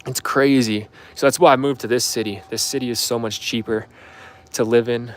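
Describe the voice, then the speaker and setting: Answering questions from viewers, a livestream host from Canada in his twenties rambles offhandedly and leans on fillers. He speaks at a moderate pace in a steady, mid-range voice.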